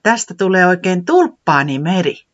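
High, excitable storybook creature giving orders, as a reader puts it on; breathy, muffled recording. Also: exaggerated voice. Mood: excited. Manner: bright, bossy, excited. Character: bubbly spring-loving garden creature.

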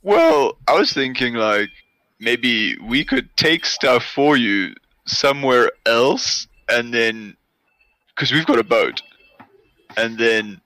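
A man's voice: medium pitch, big pitch swings, slow, bright, forceful tone, full character voice, rough recording. A man playing a meek, wheedling adventurer. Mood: pleading. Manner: hesitant, wheedling.

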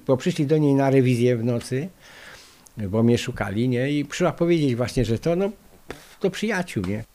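An older Polish man, interviewed for an oral history, tells lively stories full of fillers. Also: fairly high pitch. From Poland. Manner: lively anecdotal storytelling with many fillers. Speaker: interviewee recalling the past.

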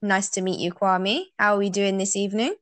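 A woman's voice: mid-range voice, fairly even intonation, a little fast, fairly bright tone, no echo. A woman hosting a podcast over a call line, welcoming her guest with polite, formal phrasing. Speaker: podcast host. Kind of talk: casual interview hosting.

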